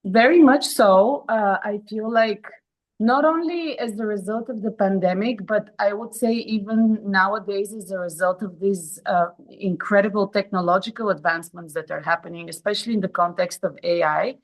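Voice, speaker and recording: A woman from Bulgaria talks as an interview guest, pitched in the middle of the range. She hesitates often and fills pauses with ums as she restarts her sentences. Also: poor audio. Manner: hesitant, many fillers and restarts. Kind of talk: casual interview talk.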